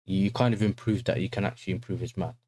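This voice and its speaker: A man's voice: deep voice, quick pace, mellow. A man with an urban London roadman accent, hosting a casual football livestream in slangy talk full of tag questions. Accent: London, urban street style.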